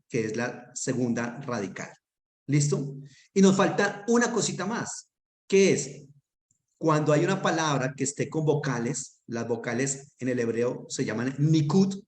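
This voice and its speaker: Male teacher, mid pitch, patient and methodical, often asks if the class is following. Roomy, echoey sound. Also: a little mellow. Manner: patient, checks understanding with frequent "¿listo?". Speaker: Hebrew grammar teacher. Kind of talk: classroom grammar lesson.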